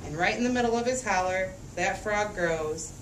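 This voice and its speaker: At normal speed and medium pitch, a woman performs a picture book for children, sing-song and emphatic, prolonging rhymes and asking the kids to respond. The sound is roomy, picked up by a distant mic over faint background noise.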